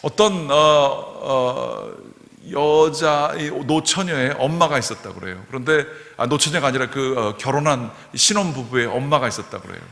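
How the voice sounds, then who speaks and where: A man's voice: medium pitch, moderate pace, few pauses, fairly bright tone. Earnest male preacher in a church hall. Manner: earnest, repeats key phrases for emphasis. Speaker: guest revival preacher. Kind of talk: sermon. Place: church sanctuary.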